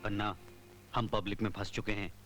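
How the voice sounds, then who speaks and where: A man dubbing a calm, persuasive male minister in a film. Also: on the low side, fairly quick, over music, close to an everyday voice. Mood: calculating. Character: smooth, calculating male minister. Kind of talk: Hindi film dub acting.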